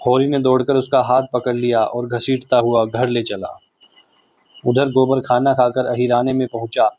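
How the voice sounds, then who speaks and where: A man reading a classic novel aloud as narrator, with steady, measured storytelling. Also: medium pitch, no room sound.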